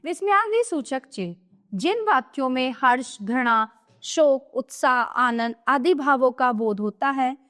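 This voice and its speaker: A woman with a high, light voice gives a grammar lesson to young children. She explains patiently, repeats her examples and checks in with the class as she goes. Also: fairly bright tone. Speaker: teacher.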